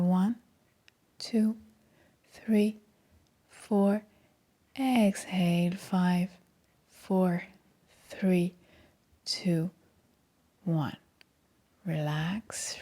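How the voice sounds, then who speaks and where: A woman guides a meditation extremely slowly, giving each instruction in a calm, gentle, soothing way. Her voice is soft and breathy, mellow and relaxed, pitched slightly low. She is a meditation guide and yoga teacher.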